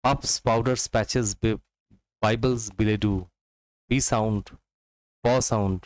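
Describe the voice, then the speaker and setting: A man with a Bengali accent teaching English literature for exams, reading quotations slowly and explaining quickly in Bengali mixed with English. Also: lowish voice, fairly even intonation, no echo, poor audio. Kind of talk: exam-prep literature lesson.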